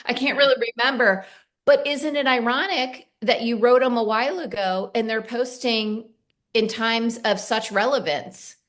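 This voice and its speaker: A woman co-hosting a casual talk show, animated and quick to swear, often quoting her own thoughts aloud. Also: a little high. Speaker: co-host. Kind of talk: casual chat.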